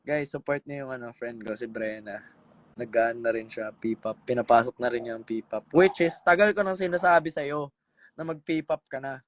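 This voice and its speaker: A man's voice: mid-range voice, moderate pace, rough recording. A man on a casual live stream, tired from singing and joking playfully with his viewers. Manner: sings pop songs, then chats playfully with viewers. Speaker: singer doing an Instagram live.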